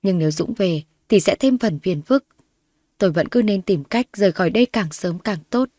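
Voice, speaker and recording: A woman narrating a dramatic first-person story in a steady voice, recorded dry. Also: lowish voice, no echo.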